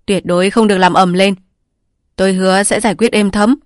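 A woman reader voicing a calm, scheming village chief who gives orders quietly and without hurry. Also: medium pitch, dry recording, studio quality, close to an everyday voice. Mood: quietly commanding. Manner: quiet, unhurried, commanding.

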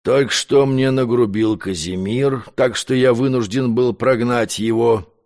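A man reading an audiobook, voicing an arrogant male magician count who speaks calmly and curtly. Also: mid-range voice, unhurried, lightly acted. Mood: cool scornful. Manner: calm, curt, condescending. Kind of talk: audiobook character voice.

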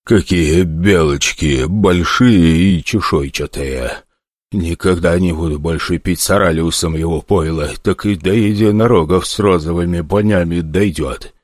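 A man voicing a dazed, tipsy old man who mutters slowly and in confusion in a fantasy audiobook. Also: low-pitched, dry recording, clean studio sound. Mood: bewildered.

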